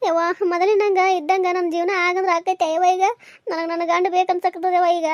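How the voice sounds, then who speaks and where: A woman's voice: extremely high pitch, fairly even intonation, fast talker, dry recording, dull audio. A woman voicing a grieving, pregnant young village wife in a cartoon, speaking plaintively. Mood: pleading. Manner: plaintive, pleading. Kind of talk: cartoon voice acting.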